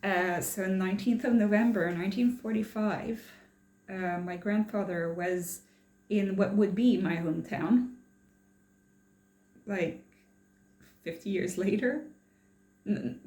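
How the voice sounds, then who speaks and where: A young French woman rambles through a personal vlog in a medium-pitched, darkish voice, talking slowly with long pauses. She sounds hesitant, full of fillers and restarts, and the room is echoey.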